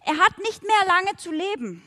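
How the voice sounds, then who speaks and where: Woman doing a fretful soft-hearted boar. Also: very high voice, big pitch swings, normal speed, voice pushed up, exaggerated voice. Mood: hesitant. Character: anxious, soft-hearted male wild boar.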